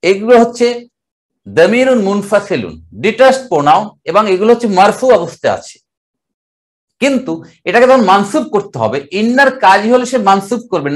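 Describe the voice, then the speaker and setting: Older guy teaching grammar, higher voice, draws out words slowly as he explains. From Bangladesh. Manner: explains step by step, drawing out Arabic words slowly. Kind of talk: classroom lecture.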